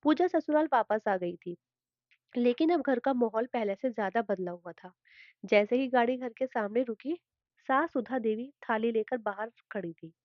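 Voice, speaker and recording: Woman reading out a family story, kinda high voice, dry dull lo-fi sound. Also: normal speed, dry recording. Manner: reads all characters' lines in her own voice. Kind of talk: scripted story narration.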